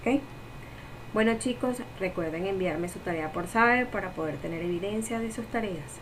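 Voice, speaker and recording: Woman teacher, mid pitch, casual, friendly to kids, faint background hiss. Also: normal speed, poor audio. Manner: friendly, direct address to children. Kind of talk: casual talk to pupils.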